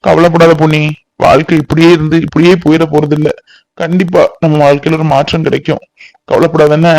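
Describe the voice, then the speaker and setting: A caring young husband. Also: male voice, a little high, creaky, darkish tone, no room sound, rough recording. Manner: soothing, concerned, reassuring. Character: caring young village husband, gently coaxing. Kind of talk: cartoon voice acting.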